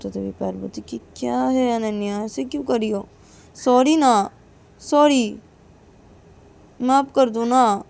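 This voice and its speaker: A woman's voice: on the high side, takes it slowly, creaky, pauses often, darkish tone. A woman voicing Payal, a young woman complaining and pleading with her girlfriend in a storytelling video.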